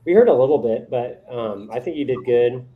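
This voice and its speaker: A man coaching a colleague after a sales call, giving encouraging feedback in a casual, lively way. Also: mid-range voice, normal speed, phone-quality sound.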